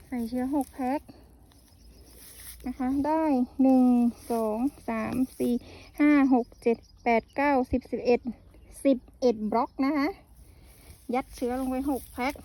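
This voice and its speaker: A woman's voice: sits high, a little mellow. A woman mushroom farmer chatting casually in a vlog, explaining tips and exclaiming over her harvest outdoors in the hot sun. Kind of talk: casual farm vlog talk.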